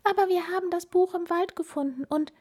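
A woman voicing a tiny, timid female mouse in a read-aloud storybook, with a squeaky voice. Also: fairly quick, darkish tone.

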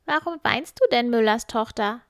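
A woman's voice: fairly high pitch, normal speed, fairly bright tone, no room sound, voice pushed up. A woman voicing a small scheming male imp, coaxing and bargaining in a raised voice. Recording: dry close recording.

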